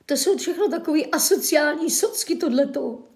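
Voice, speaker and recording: High-voiced woman, mock-tearful livestream. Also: darkish tone. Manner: mock-tearful, sarcastic, melodramatic sighing. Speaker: livestreamer reading local news and chat. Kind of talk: casual livestream chat.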